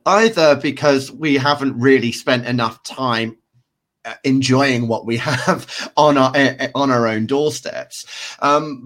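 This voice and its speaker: Man, podcast co-host, casual chat, pitch jumping all over, lively.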